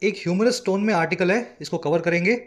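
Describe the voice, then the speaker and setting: A man teaching as an English tutor, lecturing a class on a newspaper article with energy and reading English lines slowly. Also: high-pitched. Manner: energetic teacher, explains words slowly, reads English aloud slowly.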